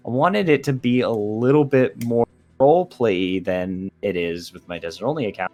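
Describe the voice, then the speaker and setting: A man chatting casually as a podcast guest, animated and joking as he rambles through a story. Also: medium pitch, moderate pace, soft background music.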